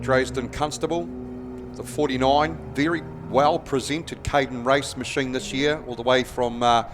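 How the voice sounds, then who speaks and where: A man's voice: mid-range voice, steady tone, normal speed. A man with a New Zealand accent giving casual live commentary as a speedway track announcer.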